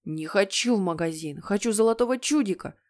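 A woman voicing a naughty, greedy young boy who shouts and demands, in an audiobook reading. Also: medium pitch, expressive, moderate pace, close to an everyday voice. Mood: shouting. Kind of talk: audiobook character voice.

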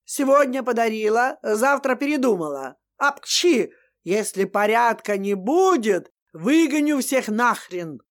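A domineering mother-in-law in her forties , as a woman reader puts her on, barking crude threats and orders in a loud, slow voice. She sneezes often and ranges widely in pitch, from sugary to menacing, in a comic storybook reading. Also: expressive. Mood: yelling, bossy.

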